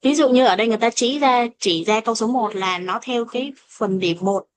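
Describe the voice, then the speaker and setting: A woman teaching an English pronunciation lesson, speaking English with a Vietnamese accent and slowing down to model example phrases. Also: a little high, a little hiss or hum. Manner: switches between explanation and slow modeled English examples. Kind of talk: classroom lesson explaining pronunciation.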